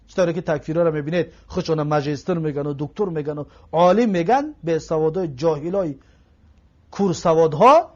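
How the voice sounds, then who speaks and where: Guy with a high voice giving an arabic grammar lesson, goes over every phrase again word by word, kinda muffled lo-fi audio. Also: a little mellow. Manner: repeats each phrase, translating word by word. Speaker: Arabic teacher. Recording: slightly dull lo-fi recording.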